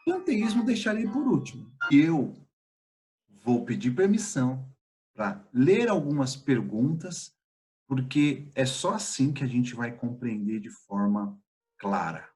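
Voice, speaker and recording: A man with a Brazilian Portuguese accent giving a spiritist study lecture, speaking in a measured, halting way with pauses and filler sounds. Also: medium pitch, sing-song, a little mellow.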